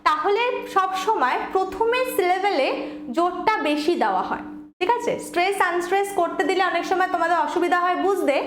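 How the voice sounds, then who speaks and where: A woman's voice: very high-pitched, fairly quick, fairly bright tone, reverberant, slight background noise. A woman teaching an online English lesson, patiently repeating points and checking that students follow.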